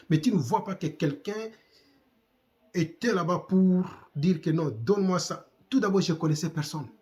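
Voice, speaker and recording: A man's voice: fairly high pitch, a little mellow. Congolese man exhorting in heated commentary. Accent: Congolese French. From Democratic Republic of the Congo. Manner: exhorting, rhetorical questions, repeats himself. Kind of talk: impassioned commentary.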